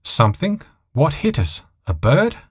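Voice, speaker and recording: A man voicing a calm, steely young female flight attendant in an audio thriller story, firm and controlled. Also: fairly high pitch, unhurried, breathy edge, no echo, clean studio sound, pitched above the performer's own voice, exaggerated voice. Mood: questioning.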